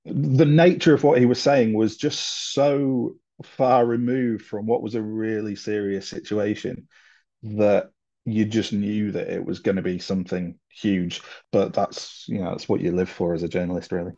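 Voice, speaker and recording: A man's voice: fairly low pitch, flat delivery, moderate pace, vocal fry, warm tone. A former radio journalist, a man, telling a story in a chatty, amused way over a video call. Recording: dull lo-fi video call audio.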